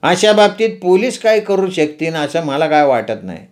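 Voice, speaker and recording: Man doing a slow deadpan policeman. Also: on the high side. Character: slow, unflappable young male policeman.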